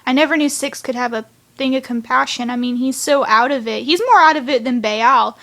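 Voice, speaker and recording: High-voiced chatty woman reviewer. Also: brisk, a bit bright. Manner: chatty, rambling, sighing asides. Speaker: cartoon episode reviewer. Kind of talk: casual review rant.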